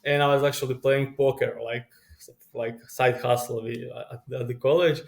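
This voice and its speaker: A man's voice: mid-range voice, flat delivery, moderate pace. A young man from Croatia speaking English with a Croatian accent, an eager, rambling interview guest whose speech halts with frequent restarts. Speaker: guest, pro sports bettor. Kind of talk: casual interview chat.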